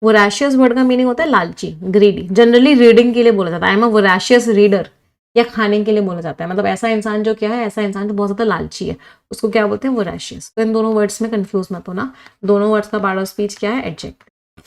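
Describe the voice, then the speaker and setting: In a live online exam-prep class, a woman teaches English vocabulary, moving between Hindi and English and posing questions she answers herself. Her voice is medium-pitched and fairly quick, and she reads out chat comments from viewers watching live.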